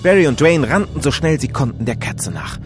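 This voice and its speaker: Animated male audiobook narrator. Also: mid-range voice, brisk, a little hiss or hum. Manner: animated, dramatic reading with many character voices. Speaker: audiobook reader. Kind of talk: first-person story narration.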